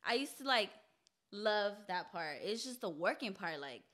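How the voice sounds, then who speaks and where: A woman's voice: mid-range voice, normal speed. Laughing, foul-mouthed young woman. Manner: swears freely, laughs often, animated storytelling. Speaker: guest. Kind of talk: casual podcast chat.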